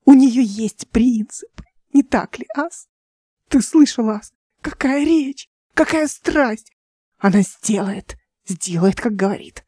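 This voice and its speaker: A scheming male overlord from an audiobook taunts in a low, hissing half-whisper, as a woman reads him. The tone stays mellow and the recording is close and dry. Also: lively intonation, takes it slowly, slightly rough, no echo, exaggerated voice. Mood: taunting.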